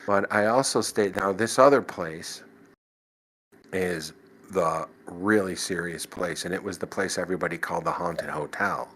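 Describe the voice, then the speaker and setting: Deep-voiced man telling rambling stories. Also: normal speed, a bit bright, poor audio. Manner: rambling, frequent restarts and "you know". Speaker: podcast guest. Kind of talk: casual storytelling of paranormal experiences.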